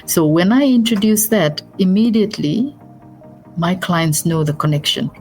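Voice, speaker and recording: Fijian woman being interviewed, pretty low voice, earnest, keeps restarting her words, quiet music behind. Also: animated, moderate pace. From Fiji. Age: middle-aged. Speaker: business advisor, guest. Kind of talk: interview conversation.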